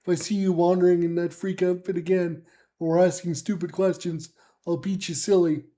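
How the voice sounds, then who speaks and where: A man voicing a gruff, short-tempered goat herder who scolds and threatens. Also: sits high, little pitch movement, moderate pace, dark tone, lightly acted. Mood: threatening.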